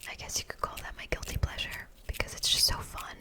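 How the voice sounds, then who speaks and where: A woman in her twenties from Germany, whispering softly in a casual ASMR question-and-answer chat, with lots of fillers. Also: fast. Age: 20s. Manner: soft unvoiced whisper, chatty with fillers. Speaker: ASMR YouTuber.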